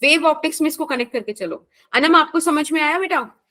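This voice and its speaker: Indian lady physics teacher, high voice, patient, keeps asking students if they got it. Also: a little fast, pushed and bright. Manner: explains patiently, checks in with students by name. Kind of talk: live online class.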